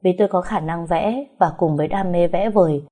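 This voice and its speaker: Mellow, lowish woman storyteller. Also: a little fast. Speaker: story narrator. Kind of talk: first-person story narration.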